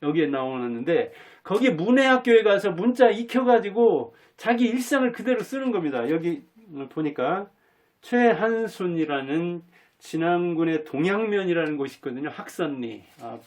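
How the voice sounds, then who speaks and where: Earnest, folksy Korean man, fairly high voice. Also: animated, moderate pace. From Jinan, North Jeolla, Korea. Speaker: YouTube channel host. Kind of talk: solo reflective monologue.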